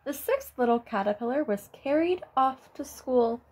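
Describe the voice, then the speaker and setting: A young woman reads a picture book aloud to children, tossing in exclaiming, casual asides the way a teacher would. Her high voice has lively intonation, a normal speed and a slightly mellow quality. There is slight background noise.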